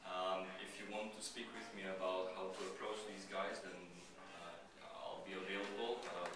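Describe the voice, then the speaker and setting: A man from Slovakia pitching his startup at a meetup, talking casually with many fillers and restarts. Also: level tone, moderate pace, very noisy. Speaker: startup founder giving a pitch. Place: meetup venue. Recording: echoey room, mic far off, crowd behind.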